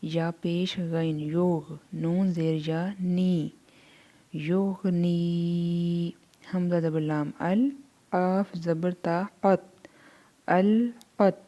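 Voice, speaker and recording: Woman, Quran reading tutor; dark, mellow tone, drills syllables slowly and patiently. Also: fairly low pitch, little pitch movement, dull audio. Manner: slow syllable-by-syllable drilling, then quick explanations. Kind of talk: spelling out syllables in a slow lesson.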